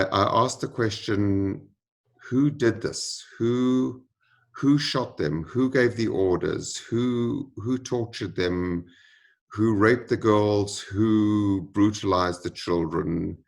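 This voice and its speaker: A man giving interview answers in a measured, solemn way. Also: low-pitched, vocal fry. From United States. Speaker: interview guest.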